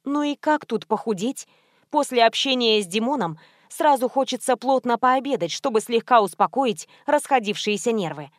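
A woman reading an audiobook as a first-person narrator, with wry, ironic, expressive storytelling. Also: a little high, normal speed, no room sound, studio quality.

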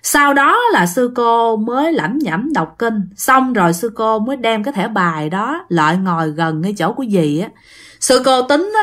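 Woman storyteller, fairly high voice, chatty ghost-story narration. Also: a bit bright. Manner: chatty, addresses listeners directly.

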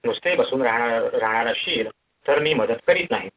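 Stern scolding god, quick delivery, storybook fable, read by a man, distant mic. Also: medium pitch, animated, fairly bright tone, slight background noise. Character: stern god scolding a lazy cart driver.

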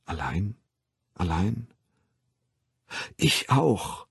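A man voicing a shy, awkward man who confides quietly, in an audiobook. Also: lowish voice, takes it slowly, slightly rough, dry recording, studio quality, exaggerated voice. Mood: sheepish. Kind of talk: audiobook reading.

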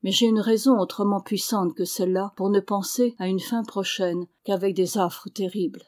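A woman reading the lines of a seriously ill elderly father who speaks with earnest, measured reasoning. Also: medium pitch, fairly even intonation, a little mellow, lightly acted. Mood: grave. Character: ailing elderly father, grave and lucid.

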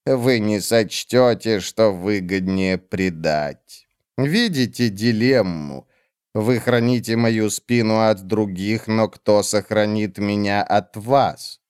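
A man reading an audiobook, voicing an ancient undead witch with a slow, low, measured delivery. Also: a little mellow, clear, resonant tone, dry recording, clean studio sound. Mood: cold. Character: ancient undead female witch, cold and scheming.

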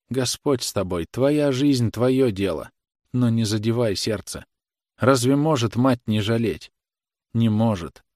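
A man's voice: mid-range voice, darkish tone, no room sound, clean studio sound, natural voice. A man voicing a tender, anxious working-class mother who speaks in a pleading, trembling way. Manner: pleading, tremulous.

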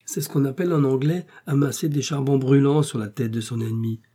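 A man's voice: mid-range voice, brisk, breathy edge, close to an everyday voice. A man voicing a vain, lazy husband who complains petulantly in a storybook reading. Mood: coaxing. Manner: petulant, then flattering. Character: vain, lazy, easily vexed husband, a deputy.

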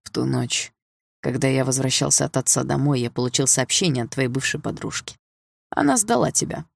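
A woman voicing a tough young man who threatens his rival in a cold, even tone. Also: very deep voice, fairly quick, creaky, dry recording, clean studio sound, heavily acted.

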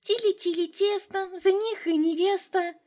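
A woman voicing a playful, teasing little girl in an audiobook, with a squeaky singsong voice. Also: fairly even intonation, a little slow, a little mellow. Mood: teasing squeal. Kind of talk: audiobook character voice.

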